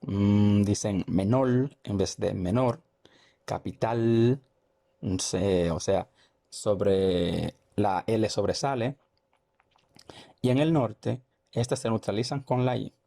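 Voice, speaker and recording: A man from the Dominican Republic with a Dominican accent, a Spanish teacher explaining language points in a measured, deliberate way with repeated examples. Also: on the low side, gravelly, warm tone.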